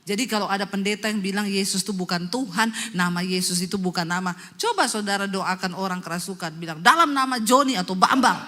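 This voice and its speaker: A woman's voice: mid-range voice, steady tone, fast talker, hardly any pauses, fairly bright tone, in a large hall, slight background noise. A woman pastor preaching a sermon, telling a story emphatically and calling out to her congregation. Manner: storytelling preacher, emphatic, acts out quotes, calls the audience.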